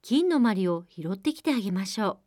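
A woman's voice: mid-range voice, sing-song, darkish tone, no echo, clean studio sound, natural voice. Woman voicing a pleading polite frog. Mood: courteous. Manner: courteous, imploring, drawn-out calls. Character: polite pleading male frog, squat and persistent.

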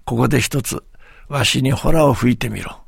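A proud village master and martial artist barking old-fashioned orders in a husky, gravelly voice, as a storyteller puts him on. Folktale telling, dry and close. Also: male voice, medium pitch, moderate pace, no echo, full character voice. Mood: commanding. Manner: commanding, old-fashioned speech.

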